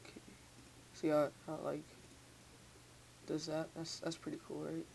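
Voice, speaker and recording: The speaker is a teenager recording a casual computer tutorial without a script, indoors at his desk. His mid-range voice is gravelly and darkish, delivered in a monotone at normal speed, with stumbles, repeated words, and a slight impediment from a braces-related mouth sore. Hiss and noise come from the home microphone.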